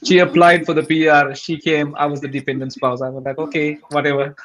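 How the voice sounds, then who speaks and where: A man's voice: on the high side, level tone, a little fast, background noise. A man in his forties, from Sri Lanka, the guest in a casual online interview, talking steadily and earnestly with many ums and restarts.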